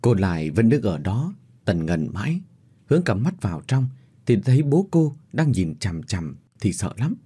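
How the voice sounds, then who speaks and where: A man's voice: on the low side, breathy edge. A man narrating a story expressively, acting out all the characters. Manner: expressive, acts out every character.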